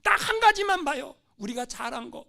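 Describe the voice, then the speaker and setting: A male pastor preaching a sermon, moving between hushed storytelling and fervent, rising exhortation. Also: very high-pitched, big pitch swings, fairly quick, gravelly. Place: church sanctuary.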